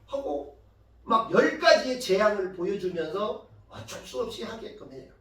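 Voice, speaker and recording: A woman pastor delivers a sermon as a lively story, tossing questions out to the congregation and punching key points loudly. Her voice rings through a reverberant church sanctuary. She stands some distance from the microphone. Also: medium pitch, moderate pace. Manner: lively storytelling, quizzing the congregation, sudden loud emphasis. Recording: echoey church hall from far off.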